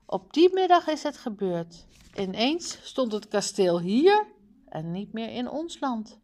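A woman reading the lines of a firm, clever young princess slowly from a storybook. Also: a little high, darkish tone, voice pushed up, heavily acted. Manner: slow, plainly read dialogue.

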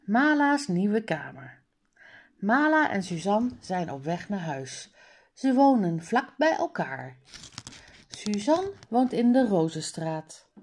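A woman reading a children's storybook aloud in a clear, deliberate way. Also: medium pitch, very animated. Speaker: reader.

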